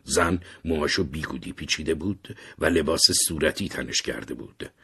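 A man narrating a dark story in the first person, with calm, even scripted storytelling. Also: extremely low pitch, creaky, husky.

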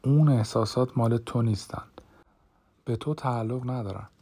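A man reading the words of an advising male psychiatrist mentor, calm and a little gravelly. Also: mid-range voice.

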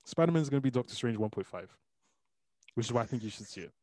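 A man hosting a podcast, chatting playfully with mock-formal lines and excited storytelling. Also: medium pitch, very fast, a crowd in the background. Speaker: podcast host. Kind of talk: casual chat.

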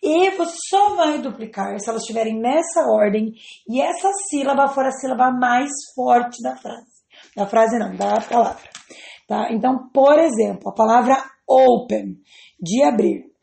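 A woman's voice: on the high side, creaky, mellow. Woman teacher spelling out rules, roomy echo. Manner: patient, spells out letters slowly. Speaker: English teacher. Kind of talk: explaining grammar to students.

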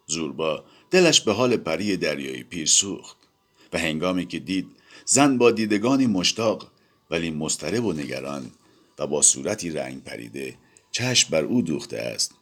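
A man with a deep, low voice narrates a novel aloud. His delivery rises and falls with lively, expressive storytelling. He reads steadily for the listener. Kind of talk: audiobook narration.

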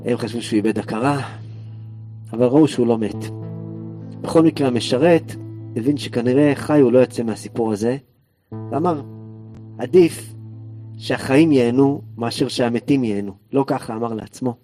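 A man's voice: medium pitch, long pauses. Man telling a story over guitar music. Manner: animated storyteller acting out characters' lines. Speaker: Torah teacher. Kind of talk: storytelling in a Torah class.

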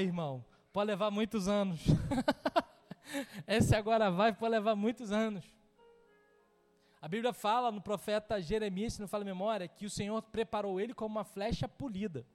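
A man's voice: high voice, in a large hall. A man with a Brazilian Portuguese accent preaching a sermon in a church, telling a personal story with humor and acting out the dialogue. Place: church hall.

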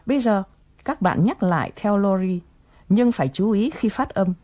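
A woman's voice: medium pitch, animated, moderate pace, a little mellow. A woman presenting an English lesson, explaining phrases patiently and coaxing learners to repeat them.

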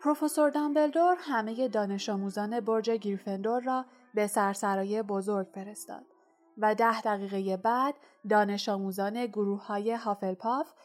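A woman narrating a children's fantasy audiobook in a steady, even reading voice. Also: medium pitch. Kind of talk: storybook narration.

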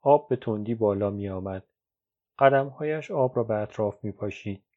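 A man reads a novel aloud at a measured, even storytelling pace. His voice sits fairly low. The recording is dull and lo-fi. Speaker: audiobook narrator. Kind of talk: scripted literary narration.

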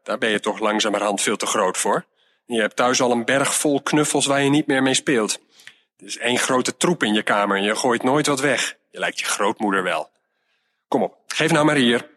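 A man reading a storybook aloud and voicing a fretful middle-aged mother who sighs and scolds as she clears out her late mother's room. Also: mid-range voice, normal speed, a bit bright, lightly acted. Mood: exasperated. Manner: exasperated, sighing, scolding.

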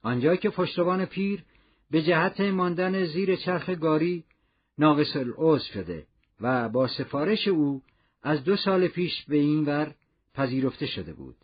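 A man narrating an audiobook in a measured storytelling manner, in a dull lo-fi recording. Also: a little high, expressive, breathy edge. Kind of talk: scripted narration.

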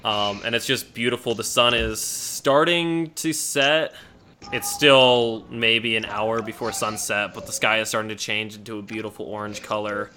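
A man improvising narration as a tabletop game master in a halting, descriptive way. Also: lowish voice, fairly even intonation, pushed and bright, a little hiss or hum.

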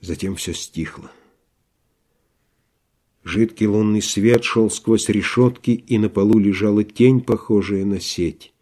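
A man narrating a classic story in a measured, dramatic way. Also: on the low side, warm tone. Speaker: audiobook reader. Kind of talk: literary narration.

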